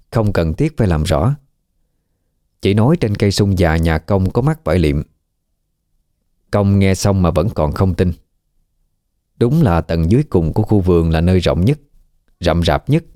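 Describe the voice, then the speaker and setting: A man narrating a horror story in a measured, even storytelling manner. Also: low-pitched, no echo, studio quality.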